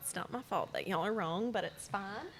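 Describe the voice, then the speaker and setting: A woman's voice: mid-range voice, moderate pace. A woman chatting casually in a playful, teasing way. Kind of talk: casual chat.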